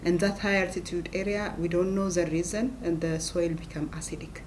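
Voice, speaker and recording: A middle-aged woman with an Ethiopian accent, a plant scientist and professor, giving an earnest talking-head interview in short halting phrases. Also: on the low side, steady tone, a little mellow, a little hiss or hum.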